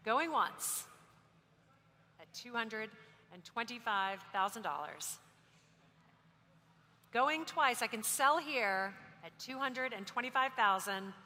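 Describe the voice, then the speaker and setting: A woman's voice: on the high side, expressive, slow, pauses often, pushed and bright. A woman auctioneer calling bids live, repeating figures in a courteous, practiced way. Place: large auction hall. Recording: echoey hall with background noise.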